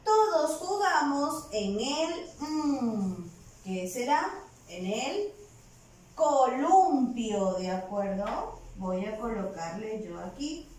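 Woman, primary teacher, patient dictation, very slow, higher voice, echoey room, distant mic. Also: big pitch swings, a little mellow. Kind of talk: virtual class dictation.

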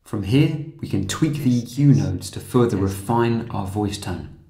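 A man narrating a scripted software tutorial in a calm, steady, explanatory way. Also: fairly low pitch, a little slow, reverberant.

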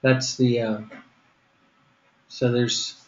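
A man organizing a group over a call, walking through who plays which part and thinking aloud as he goes. His voice sits at an ordinary middle pitch. The sound is roomy and muffled, with a faint background hiss. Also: level tone, very slow, darkish tone. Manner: explains step by step, thinking aloud. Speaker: group leader planning a skit. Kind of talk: casual planning on a group call.

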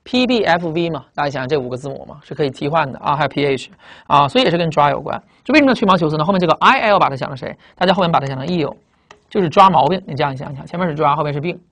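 A teacher stands at a board delivering an emphatic vocabulary lecture, posing rhetorical questions and spelling words out letter by letter. Target words get drawn out slowly. The voice is medium-pitched, expressive and a bit bright.

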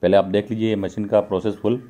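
Filming as he goes, a channel host walks viewers through an indoor pipe-making factory workshop in a vlog, explaining things and addressing them directly. His voice is lowish, warm and fairly flat in pitch, and he talks fast.

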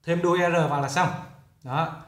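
A man's voice: fairly high pitch, fairly even intonation, normal speed, a bit bright. A male English teacher, explaining a lesson in a chatty way and often repeating himself. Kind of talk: casual classroom explanation. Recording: roomy echo.

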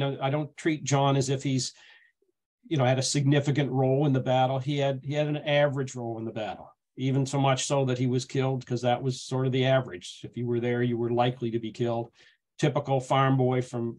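A middle-aged Canadian man giving a relaxed talk to a group. He rambles and often restarts his sentences, and his voice sits at an ordinary medium pitch. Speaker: guest speaker. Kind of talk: casual storytelling talk.

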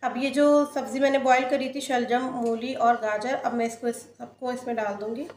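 A woman's voice: fairly high pitch, fairly even intonation, normal speed, darkish tone, reverberant, slight background noise. A woman hosting a cooking channel, narrating a home recipe step by step as she works in her kitchen. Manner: plain, explains each step as she works.

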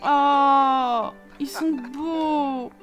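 High-voiced chatty woman gamer. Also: very slow, highs cut off, soft background music. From France. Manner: animated, chatty, exclaims at the screen. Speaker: gameplay commentator. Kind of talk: casual let's play commentary.

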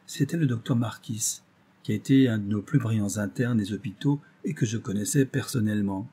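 A man reading a literary audiobook in a measured, expressive narration. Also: lowish voice, slightly rough. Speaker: audiobook reader.

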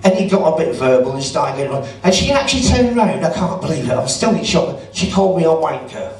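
Sarcastic middle-aged comic on stage. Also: male voice, on the high side, very animated, fast, darkish tone. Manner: chatty, sarcastic, teasing the crowd. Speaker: stand-up comedian. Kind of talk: stand-up comedy set. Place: comedy club stage. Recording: roomy audio from a distance.

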